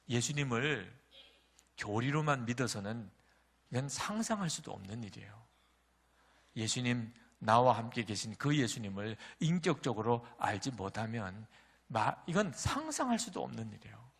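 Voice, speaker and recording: A man's voice: fairly high pitch, bright, forceful tone. A man preaching a sermon as pastor, impassioned and rising in intensity as he acts out prayers and questions. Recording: long hall reverb.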